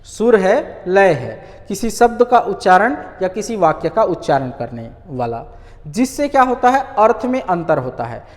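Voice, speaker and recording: Giving Hindi grammar instruction online, this male teacher answers his own rhetorical questions and slowly repeats the key words. His voice is high with big pitch swings, and the sound trails off in a long reverb tail.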